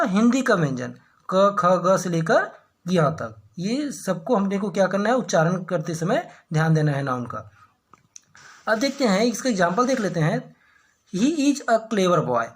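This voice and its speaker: A woman teacher who explains English grammar in Hindi, putting questions to her students, answering them herself, and reading the English example sentences slowly. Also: mid-range voice.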